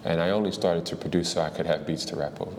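A man with a very low, deep voice answers interview questions about his music, talking loosely with plenty of fillers. The sound has a long reverb tail and a faint hiss under it. He comes from the Washington, D.C. area. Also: quick pace. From Washington, D.C. area, USA. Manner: relaxed, thinking aloud with fillers. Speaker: guest hip-hop artist.

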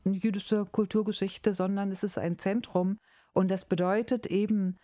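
A middle-aged woman from Berlin, a professor, explaining her field in a measured academic interview. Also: fairly low pitch, dark tone, dry recording, studio quality. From East Berlin, Germany.

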